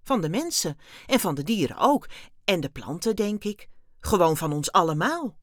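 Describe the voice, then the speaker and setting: A woman's voice: lowish voice, big pitch swings, normal speed, no echo, clean studio sound. A woman reading a children's story aloud, voicing an earnest young boy who stammers when startled. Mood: upset, earnest.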